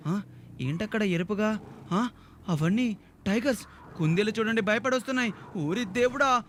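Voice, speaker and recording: Excitable man narrating a game for kids. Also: high voice, slight background noise. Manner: excitable, exaggerated and theatrical. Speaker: gaming video narrator. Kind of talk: playful game commentary for children.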